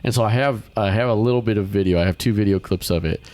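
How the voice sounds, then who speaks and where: Animated low-voiced man telling stories. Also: fast talker, dry recording. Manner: animated storyteller, acts out quotes in higher voice. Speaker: podcast host, children's ministry. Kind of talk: casual chat.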